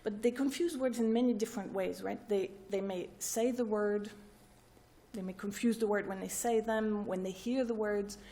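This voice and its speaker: A woman's voice: mid-range voice, mellow. A woman researcher giving an academic talk to a room of listeners. She explains step by step and keeps checking in with "right?" and "okay?". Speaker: researcher presenting at a workshop. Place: lecture room with an audience.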